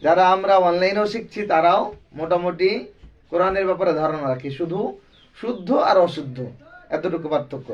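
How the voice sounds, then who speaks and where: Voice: medium pitch, a little fast. Teacher quizzing a class over and over, sounds far off and muffled, lots of kids talking behind. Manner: drills students with repeated questions and call-and-response. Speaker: Quran recitation teacher. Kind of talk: classroom lesson. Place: classroom with students.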